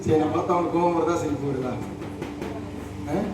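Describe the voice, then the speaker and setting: High-voiced preacher man in an echoing hall. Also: fairly even intonation, a little fast. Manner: rousing, swings from shouts to hushed testimony. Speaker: pastor. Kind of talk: call-and-response sermon. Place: large church hall. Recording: echoey hall, distant mic, noisy.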